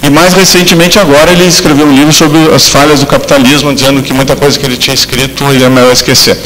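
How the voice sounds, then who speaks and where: A man's voice: medium pitch, flat delivery, racing, a bit bright, in a large hall, low-quality recording. A man from southern Brazil giving an academic law lecture, speaking with frequent fillers and restarts. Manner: hesitant, many fillers and restarts.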